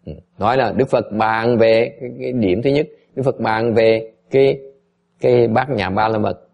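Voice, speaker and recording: A man's voice: fairly low pitch, normal speed, a little mellow. A man, a Buddhist teacher, giving a slide-based dharma lecture, switching between English and Vietnamese and often pressing his listeners to check they understand. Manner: emphatic, often asks "is it clear?".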